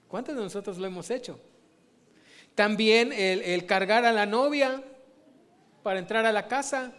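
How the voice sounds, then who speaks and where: High-voiced preacher. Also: male voice. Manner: conversational, rhetorical questions to the congregation. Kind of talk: informal sermon teaching.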